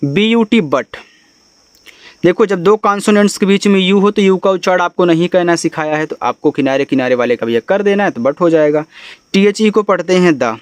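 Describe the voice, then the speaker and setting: A man teaching an English reading lesson, spelling words out letter by letter and explaining them slowly. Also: high-pitched, animated, smooth, no room sound. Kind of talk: spoken language lesson.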